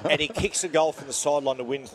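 A man hosting a sports trivia quiz on radio, reading questions quickly and cracking jokes between them. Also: fairly high pitch, crowd noise. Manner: quick, jokey, laughing asides. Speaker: quizmaster on a radio show. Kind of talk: casual radio banter.

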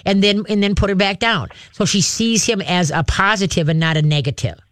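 A woman hosts a call-in radio show about dog training, speaking a little fast in a medium-pitched, fairly bright voice. She's chatty and upbeat, slipping into cheerful sing-song baby-talk aimed at dogs. The sound is clean studio audio with no echo.

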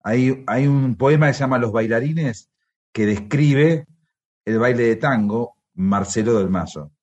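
A man hosts a radio interview, talking in a relaxed, conversational way as he steers the chat. His voice sits in a middle pitch. The audio is a little dull and muffled, like a broadcast. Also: unhurried. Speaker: radio host.

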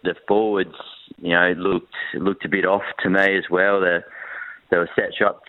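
A very deep-voiced man calls in as a sports reporter and breaks down the game plainly, with a lot of hesitation. His voice comes through a crackly phone line that drops in and out, tinny and thin, with no room sound at all. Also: flat delivery, no echo. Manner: frank, measured, with many hesitations. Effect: crackly phone line that cuts in and out. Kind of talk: phone-in football analysis.

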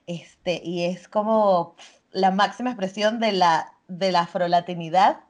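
A woman hosting a podcast, opening the interview in an excited, enthusiastic way. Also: fairly low pitch, a little slow. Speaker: podcast host.

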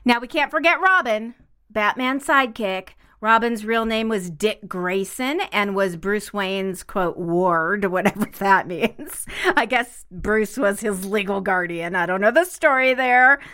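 A woman's voice: medium pitch, a little slow, sharp tone, smooth. A woman in her sixties co-hosting a casual podcast chat, enthusiastic and laughing often. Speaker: podcast co-host.

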